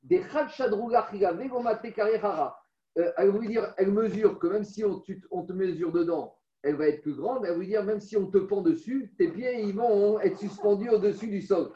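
High-voiced man teaching a text class. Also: normal speed, warm tone. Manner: chants text aloud, then explains with stories. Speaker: religious teacher. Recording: roomy, distant, dull recording.

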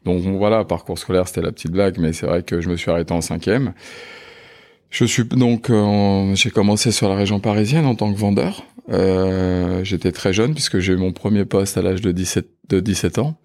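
Low-voiced man in his fifties. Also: moderate pace, a little mellow. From France. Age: 50s. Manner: hesitant, many filler sounds. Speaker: funeral home manager. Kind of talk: casual interview chat.

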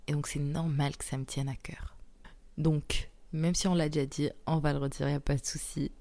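A young woman hosting an intimate solo podcast while sick with tonsillitis, speaking softly through a very sore throat and often slipping into a breathy near-whisper. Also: deep voice, little pitch movement, normal speed. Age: young adult. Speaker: podcast host.

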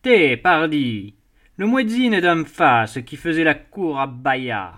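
A man's voice: a little high, animated, takes it slowly, fairly bright tone. A man voicing a jovial, mocking middle-aged sea captain who teases and laughs as he talks. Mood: mocking amused.

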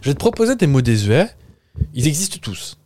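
A man's voice: on the high side, big pitch swings, brisk, darkish tone. Playful teasing man with a Moselle accent. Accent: Moselle French. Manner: playful and teasing, rambling asides. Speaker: podcast co-host. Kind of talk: casual chat. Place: studio with a producer present. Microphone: studio microphone.

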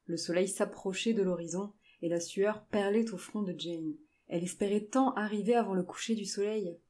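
A woman reading a novel aloud in measured, even scripted narration. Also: mid-range voice.

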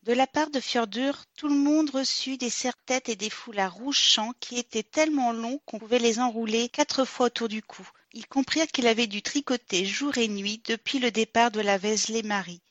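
A woman narrating a novel in a calm, even storytelling manner. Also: fairly high pitch, moderate pace, few pauses, dry recording, dull audio. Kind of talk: audiobook narration.

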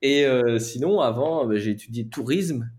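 A young man with a Belgian French accent talks as a guest on a travel podcast. His voice sits at an ordinary middle pitch, and he speaks in an animated, casual way, often restarting his sentences. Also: normal speed, breathy edge. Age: 20s. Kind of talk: casual interview chat.

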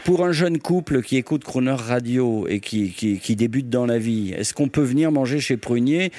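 A man's voice: medium pitch, normal speed, mellow. A man interviewing a guest for a radio show in a restaurant, asking playful, theatrical questions.

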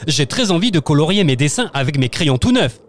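A man voicing a lively little child in a storybook, exclaiming eagerly. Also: a little high, fairly quick. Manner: exclaiming, animated. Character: lively little child who loves drawing.

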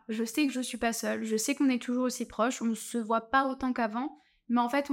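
Young woman vlogger, relaxed advice talk, restarts a lot, slightly high voice. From France. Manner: chatty, many fillers and restarts. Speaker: travel vlogger.

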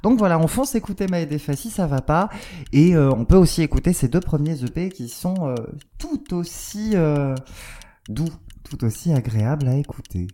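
A man reviewing albums in a casual chat on a music show, relaxed, often hesitating and repeating words. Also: fairly high pitch, moderate pace.

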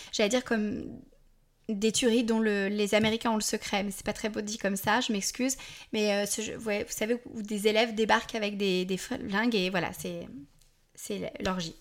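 A woman in her forties with a slightly high voice hosts a casual podcast monologue. She talks to her listeners in a candid, chatty way. She often breaks off for asides and self-deprecating apologies. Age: 40s. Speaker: podcast host.

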